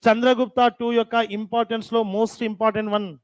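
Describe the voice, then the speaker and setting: Guy teacher with a high voice dictating stuff word by word, repeats it, teases the kids, dry sound. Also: little pitch movement, dry recording. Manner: repeats terms slowly for dictation, teasing scolds. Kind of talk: classroom dictation lesson.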